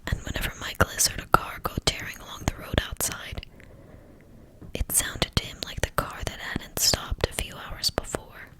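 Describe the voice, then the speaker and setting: A woman reading a novel aloud as ASMR in a hushed, breathy whisper. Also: poor audio. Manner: hushed, fully whispered narration.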